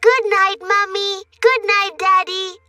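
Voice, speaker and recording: A performer voicing a cheerful, playful little girl piglet in a children's cartoon, childlike and excitable. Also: very high-pitched, takes it slowly, far from the mic. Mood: sweet. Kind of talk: children's cartoon dub in Hindi.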